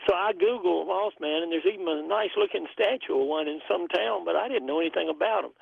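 A man from North Carolina with a Southern Appalachian twang and a gravelly, husky voice, calling in and casually telling stories over a phone line. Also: high voice, quick pace, dry recording. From North Carolina, United States. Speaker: phone-in caller. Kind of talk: casual storytelling.

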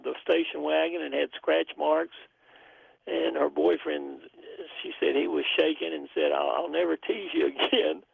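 A man from North Carolina with a Southern Appalachian twang and a gravelly, husky voice, calling in and casually telling stories over a phone line. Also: on the high side, dry recording. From North Carolina, United States. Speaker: phone-in caller. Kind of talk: casual storytelling.

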